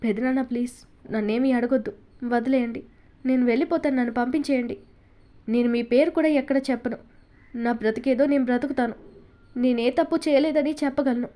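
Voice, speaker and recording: A woman reads a young woman in tears, pleading but holding firm. The voice is high and bright. Told as a storybook. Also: a little fast, natural voice. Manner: tearful, pleading.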